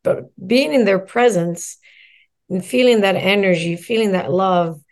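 A Moroccan woman who works as a mindset coach appears as a guest in a casual interview, speaking at medium pitch and a measured pace. She tells her story reflectively, stringing together lists of phrases.

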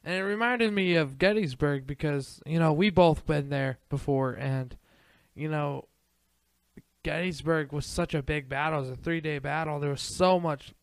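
A man with a smooth, clear voice, a touch high for a man, recorded dry and close. He talks casually in a halting way, repeating himself and filling gaps with "you know". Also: no room sound. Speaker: podcast co-host. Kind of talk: casual chat.

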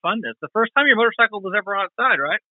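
A man telling lively stories as a podcast guest, acting out what people said, heard over a remote call. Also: rapid-fire, slight background noise. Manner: animated, acts out quotes with pitch jumps. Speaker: podcast guest, motorcycle tire reviewer. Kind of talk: casual storytelling chat. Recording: tinny phone-like line, dry.

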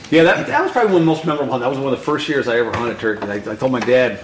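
A man in his sixties spins a hunting yarn at a quick clip, acting out each voice in it. The room around him rings a little, with faint noise underneath. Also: mid-range voice, echoey room. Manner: animated storyteller who acts out voices. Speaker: hunting guide guest. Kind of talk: podcast storytelling.

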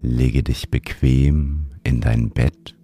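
A man narrating a sleep meditation like a bedtime story narrator, guiding the listener gently and soothingly. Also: rumbling low, fairly even intonation, takes it slowly. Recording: music behind the voice. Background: music.

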